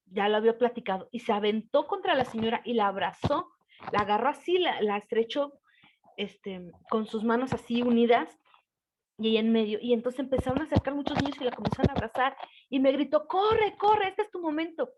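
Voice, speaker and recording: A woman's voice: on the high side, darkish tone, a little hiss or hum, low-quality recording. A woman telling a personal story in a casual, hesitant way, with many fillers.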